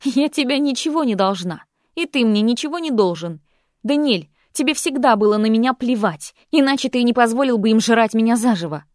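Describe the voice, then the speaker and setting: Audiobook heroine, young woman, read by a woman, sharp and indignant, pitched up and louder, dry sound. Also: very animated, normal speed, no room sound, lightly acted. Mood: furious. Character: young woman, tense and furious with her ex.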